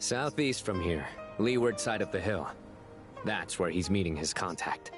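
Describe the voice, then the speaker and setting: Low, stern game commander. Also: male voice, expressive. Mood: stern, commanding. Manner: authoritative, clipped, deliberate. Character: stern, composed male law-enforcement commander. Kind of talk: video game voice acting. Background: loud music.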